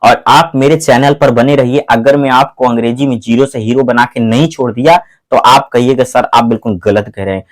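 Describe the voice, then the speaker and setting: Male tutor, mid-pitched, Hindi-accented English, drilling students with repeated questions. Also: steady tone. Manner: repeats questions back to the students, drawn-out stressed words. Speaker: English teacher. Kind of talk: classroom-style grammar lesson.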